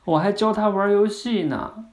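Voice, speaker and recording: A man's voice: high voice, moderate pace, a little mellow, voice pushed up, lightly acted. A man voicing a small girl of about four who is grieving her pet; she pleads and insists, in a raised voice. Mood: wistful.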